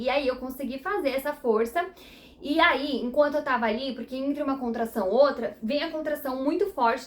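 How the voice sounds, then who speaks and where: A young Brazilian woman with a Brazilian Portuguese accent, telling her viewers a personal story in a chatty, animated way. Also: high voice. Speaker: vlogger.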